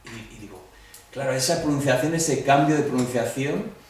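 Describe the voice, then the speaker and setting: A man's voice: medium pitch, moderate pace, a little mellow, slight background noise. A man lectures a class in an easy, conversational way, speaking directly to his students. His voice carries through a very echoey classroom, and he stands some distance the microphone. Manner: conversational, addresses students directly, acts out quoted dialogue. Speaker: Greek teacher. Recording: echoey room, voice from off the mic.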